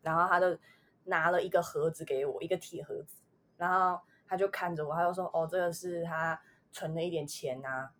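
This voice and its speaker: A woman in her twenties with a Taiwanese Mandarin accent, telling a personal memory in a casual podcast chat, rambling with many fillers. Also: on the low side. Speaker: podcast co-host.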